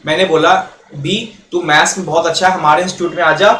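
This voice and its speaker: A man with a high-pitched voice teaches a lecture, acting out small examples as he goes. He switches easily between everyday talk and English terms. The recording is echoey, with faint noise behind. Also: little pitch movement, bright, forceful tone. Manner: explains with quick role-played examples, mixing Hindi and English. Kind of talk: classroom-style lecture.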